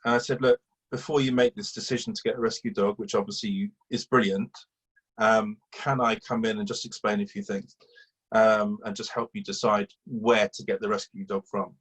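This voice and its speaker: A man's voice: lowish voice, little pitch movement, normal speed, fairly bright tone, husky, poor audio. A man, a campaigner telling a long chatty story in an interview, rambling with fillers and restarts. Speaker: guest, animal welfare campaigner.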